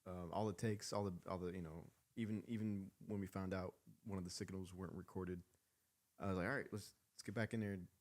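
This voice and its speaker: A man in his twenties, a band member guest in a casual interview, soft-spoken and quiet. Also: low voice, fairly even intonation, fast talker. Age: 20s.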